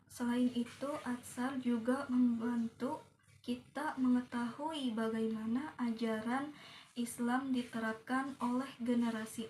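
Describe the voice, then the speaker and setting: A young woman university student giving a recorded class presentation in a slow, careful, recited manner. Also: fairly high pitch, a little mellow, reverberant, a little hiss or hum, low-quality recording. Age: young adult.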